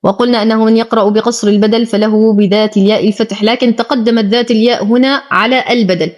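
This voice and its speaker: A woman's voice: on the high side, fairly even intonation, highs cut off. Woman teaching Quran recitation rules. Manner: slow drawn-out recitation of words, then brisk explanation. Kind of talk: tajweed lesson, recitation with rule explanations.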